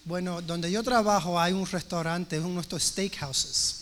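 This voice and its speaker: A man preaching by telling a chatty personal story, acting out the dialogue with animated energy. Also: high-pitched, moderate pace, slight background noise. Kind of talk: sermon storytelling.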